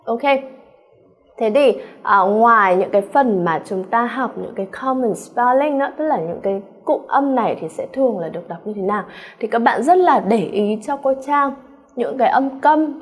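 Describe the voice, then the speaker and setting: Husky-voiced Vietnamese woman, animated English exam-prep teacher. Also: mid-range voice. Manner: animated, keeps checking in with students; calls herself by name in third person. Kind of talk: online exam-prep lesson.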